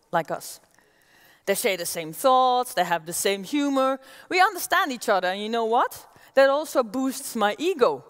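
On a large auditorium stage with an audience, a keynote speaker from the Netherlands delivers a conference keynote talk into a headset mic. Her pitch is fairly high and her manner energetic as she gestures while walking the stage, with a big hall's long reverb in the recording.

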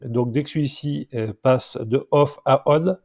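A man with a soft, dark timbre and a blocked, nasal sound, as if stuffed up with allergies. He talks casually through an on-screen tutorial, improvising as he goes and often hesitating. His pitch sits in the middle range for a man. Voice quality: nasal, congested from a blocked nose. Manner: hesitant, improvised, halting delivery. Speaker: vlogger showing his home solar setup.

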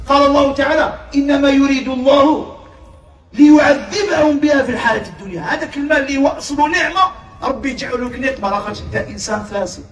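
A man with an Algerian accent preaching to a live crowd, passionate, swinging from shouts down to hushed tones. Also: very high-pitched, echoey room, recorded from a distance. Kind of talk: sermon to a live audience.

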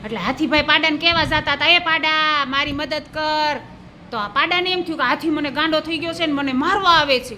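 A woman's voice: high-pitched, quick pace, hardly any pauses, sharp tone, a little hiss or hum. A woman telling a children's folk tale, acting out animal voices and sound effects. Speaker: storyteller.

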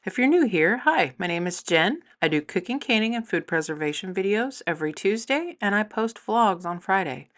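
A woman's voice: medium pitch, very animated, moderate pace, few pauses, a bit bright. A woman vlogger chatting upbeat through a tour of her backyard garden, recorded outdoors on a handheld phone. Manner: chatty and upbeat, with some fillers. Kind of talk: casual garden tour narration.

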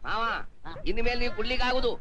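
A fussy comic uncle. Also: male voice, very high voice, steady tone, racing. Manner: pleading, fussy and chattering. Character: comic meddling uncle, fond of his niece. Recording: dull film soundtrack with loud music.

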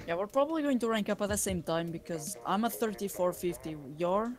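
A man talking through his moves in a video game with friends. His voice is notably high and casual, with light game music in the background. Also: expressive, a little fast. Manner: chatty play-by-play of his own moves. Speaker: gamer on a live stream. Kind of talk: casual gaming chat.

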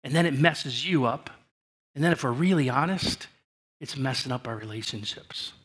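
Earnest, bright-voiced male pastor preaching. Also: mid-range voice, normal speed, slightly rough. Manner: earnest, repetitive direct address with frequent restarts; drops to a soft, quiet voice at the ends of phrases. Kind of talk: sermon. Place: church.

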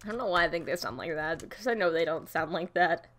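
A young woman gaming streamer chats casually over her gameplay, giggly and rambling, breaking into silly voices and snatches of song. She talks fast in a lowish, slightly bright voice. Keyboard typing is heard nearby.

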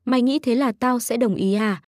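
A woman's voice: on the high side, normal speed, a little mellow, dry recording, clean studio sound, natural voice. A woman voicing a furious older chairman, an overprotective father who scolds bluntly. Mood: scolding.

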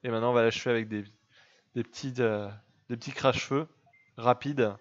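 A young man talks through his gameplay in a relaxed, chatty way at a middling pitch, teasing the creature on screen now and then. The sound is a bit dull, from a modest home mic. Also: a little fast. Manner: chatty, teasing his game pet, laughs often. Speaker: let's play gamer. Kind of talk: casual gameplay commentary.

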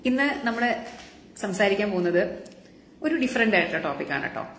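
A woman doctor hosts a casual health live stream, chatting with viewers and tossing them rhetorical questions. Her mid-range, fairly bright voice is very animated and brisk. The sound is reverberant with a little hiss or hum.

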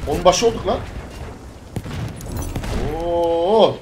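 A man talks through a shooter match in a casual, excitable way, slightly higher in pitch than most men. He swears and barks orders at his teammates. Loud gunfire and explosions from the game fill the recording. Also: very slow, background noise. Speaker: gamer. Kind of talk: casual gameplay commentary. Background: game gunfire and bombardment.

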